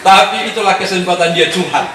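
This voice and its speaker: A man preaches to his congregation, turning a family memory into an animated story. His voice sits slightly high and he keeps chuckling as he talks. He is heard from some distance in a very reverberant hall with a faint hiss underneath. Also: normal speed. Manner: animated storyteller who addresses the audience as brothers and chuckles often. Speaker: preacher leading a discipleship session.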